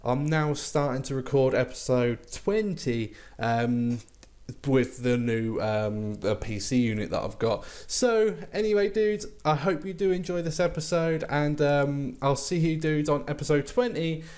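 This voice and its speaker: A man's voice: a little high, fairly even intonation, measured pace, a little mellow. A man, chatting casually to his viewers as a gaming host, recorded in a bare room at home that sounds echoey. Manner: rambling, lots of ums and restarts.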